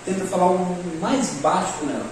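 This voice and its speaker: High-voiced man teaching in an echoey room. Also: a little fast. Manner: animated, acts out quoted dialogue. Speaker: church leadership teacher. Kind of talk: casual classroom lesson with discussion. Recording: echoey room, distant mic, faint noise.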